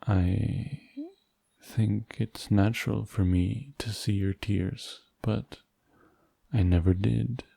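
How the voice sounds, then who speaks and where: A man playing a tender, hurt, devoted boyfriend in an ASMR role-play, speaking in a soft, intimate, halting murmur to comfort a partner. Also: lowish voice, fairly even intonation, vocal fry, slightly rough, no echo, exaggerated voice. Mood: gentle, earnest. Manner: slow, halting, gentle, intimate.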